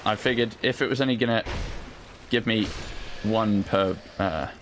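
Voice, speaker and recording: British male let's play host: deeper voice, wry, sweary, offhand, over audible game sound. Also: moderate pace, background noise. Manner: sweary, dry, wry understatement. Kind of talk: casual gameplay commentary. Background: video game sound.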